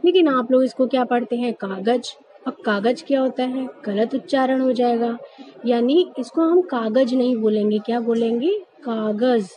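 A woman teaches small children in a high, mellow voice. She asks questions and answers them herself, drawing each word out to show how it is spoken. Faint noise sits under the recording. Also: moderate pace, poor audio. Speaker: school teacher. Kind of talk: online class lesson for young children.

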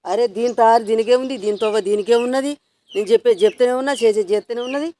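Fast, nagging high-voiced woman scolding. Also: steady tone, dark tone. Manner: nagging, repetitive, rapid scolding. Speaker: scolding mother-in-law in a prank skit. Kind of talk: scripted village family prank skit.

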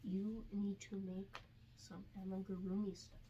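A woman's voice: medium pitch, little pitch movement, measured pace, muffled recording, noisy background. A woman friend off camera joining a yarn haul chat, cheerful and persuasive. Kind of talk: casual chat.

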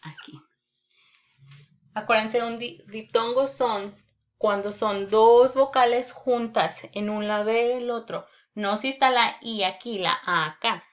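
A woman teacher giving a children's reading lesson online, speaking deliberately, repeating words and checking in with "ok?" often. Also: fairly high pitch, steady tone. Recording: dull lo-fi recording.

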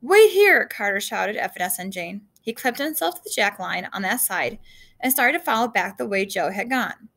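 A woman reading an adventure story aloud in a casual, homely way, with a rather high voice. She stumbles now and then and corrects herself, chatting to her listeners between passages. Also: a bit bright. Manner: casual read-aloud with slips and asides to listeners. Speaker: reader of a children's novel.

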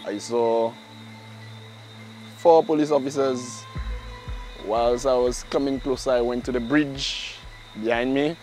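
A man giving eyewitness testimony in a halting, deliberate way. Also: mid-range voice, fairly even intonation, a little mellow, faint music behind. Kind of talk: interview testimony.

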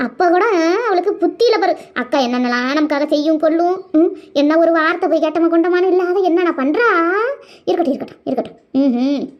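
A sharp-tongued cartoon woman, voiced by a woman. She complains in a high voice and talks fast. The audio sounds dull and lo-fi. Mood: bitter grumbling. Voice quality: quick, scolding chatter. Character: grumbling village woman, the older sister figure. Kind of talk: animated cartoon voice acting.

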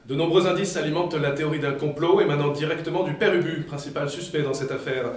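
A man's voice: fairly high pitch, fairly even intonation, fast, close to an everyday voice. A young man playing a solemn television news anchor in a stage parody, formal and declarative. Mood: brisk, solemn. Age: young adult. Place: indoor theatre stage. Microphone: far camera. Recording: echoey theatre stage, distant mic.

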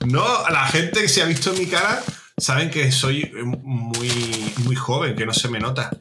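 A man's voice: mid-range voice, normal speed, noisy background. A man, a guest co-player in a casual gameplay chat, full of jokey banter.

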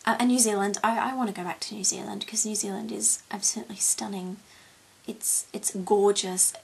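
A woman's voice: medium pitch, steady tone, fairly quick, vocal fry, breathy edge, poor audio. A young woman chatting casually to camera as a vlogger, answering tag questions with plenty of ums. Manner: rambling and chatty, with many ums. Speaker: beauty vlogger.

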